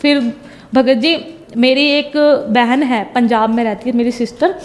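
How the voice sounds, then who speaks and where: A woman's voice: on the high side, steady tone, measured pace, big-room sound. A young woman giving a personal testimony, retelling conversations at length and repeating "I said".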